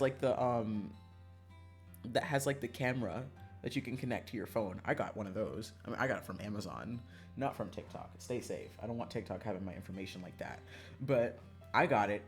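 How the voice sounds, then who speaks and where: This mid-range male voice belongs to a streamer playing a visual novel. He talks casually with viewers in an animated, sweary, emphatic way while music plays underneath.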